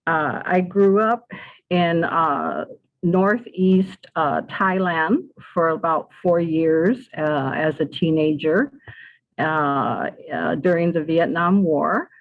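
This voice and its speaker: A woman's voice: sits low, takes it slowly. A woman from Southern California in her sixties, an ESL teacher presenting on a video call, hesitant with many fillers and restarts. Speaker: adult school ESL teacher presenting a webinar. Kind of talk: casual spoken presentation over video call. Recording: tinny phone-like audio.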